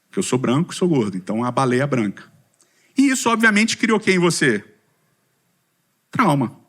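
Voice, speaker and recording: A man's voice: medium pitch, moderate pace. A middle-aged Brazilian man giving a humorous personal testimony to a church community, asking the audience questions and poking fun at himself. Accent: Brazilian Portuguese. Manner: lively storytelling with self-deprecating humor, asks audience questions. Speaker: speaker at a church community talk.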